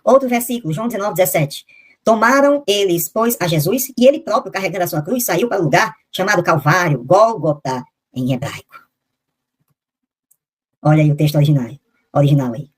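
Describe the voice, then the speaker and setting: A woman giving a Bible lesson on a video call, reading out lists of names and verses and slowing down to sound out the foreign ones. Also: lowish voice, animated, husky. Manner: reads out name lists and verses, slowly spelling out foreign names. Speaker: Bible teacher. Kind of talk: explanatory Bible lesson with slides.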